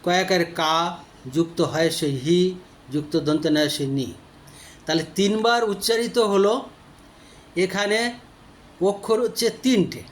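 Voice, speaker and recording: Slow, high-voiced Bengali man teaching verse meter. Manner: slow, syllable-by-syllable counting. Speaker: poetry teacher. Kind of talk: explaining meter of poetry.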